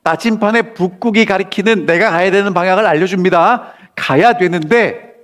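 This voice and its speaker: A man's voice: high-pitched, a bit bright. A male pastor preaching a sermon to his congregation. He keeps asking the people questions and acts out the lines he quotes.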